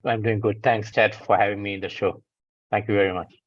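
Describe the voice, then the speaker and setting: Guest, man, 50s, from Sri Lanka; low, flat delivery over dull lo-fi audio, easygoing with frequent laughs. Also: a little fast. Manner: relaxed, laughs often, hesitant restarts. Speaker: guest, founder of a travel rating firm. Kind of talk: conversational interview answers.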